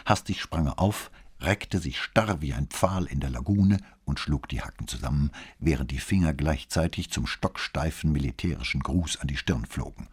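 A man narrating an audiobook novel in an expressive storytelling manner. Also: extremely low pitch, moderate pace, few pauses, husky. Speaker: audiobook reader.

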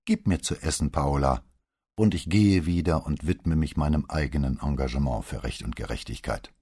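A man with a very deep, husky voice voicing a dry, understated middle-aged police commissioner in an audiobook. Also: moderate pace, dark tone, no room sound. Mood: wry. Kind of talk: audiobook character voice.

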